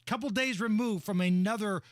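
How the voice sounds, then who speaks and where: A man's voice: high voice, fairly quick, no room sound, studio quality. A man co-hosting talk radio with opinionated banter in a sardonic, mocking way.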